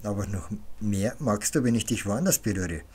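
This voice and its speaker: A man reading an audiobook voices a calm, commanding grown woman who speaks softly but firmly, as if teaching. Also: fairly low pitch, moderate pace, slightly rough. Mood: instructive. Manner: soft, firm, instructive.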